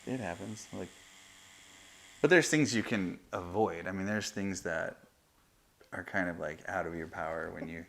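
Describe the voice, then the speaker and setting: A man's voice: low-pitched, normal speed, gravelly, long pauses, a bit bright. A man in his fifties, a tattoo artist hosting a podcast, telling stories in a chatty, laughing way from his studio on a lapel mic. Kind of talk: casual chat.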